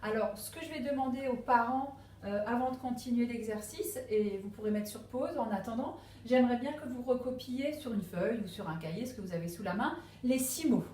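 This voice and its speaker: A woman teaching a phonics lesson to young children at a distance, speaking slowly and patiently and stressing each syllable. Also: on the high side, warm tone, roomy sound, a little hiss or hum. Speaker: primary school teacher. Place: classroom with a board.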